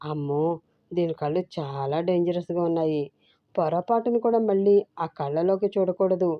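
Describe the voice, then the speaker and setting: A woman's voice: on the low side, normal speed, no room sound, lightly acted. A woman voicing an irritable young husband who snaps and scolds, in a dull, dry recording. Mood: grumbling. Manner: gruff, scolding.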